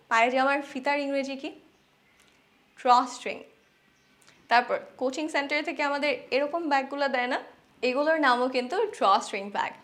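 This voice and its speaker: Woman teaching english words, a bit high voice, says each phrase slow and clear twice. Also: a bit bright. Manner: explains in Bengali, repeats English phrases slowly and clearly. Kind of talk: vocabulary lesson.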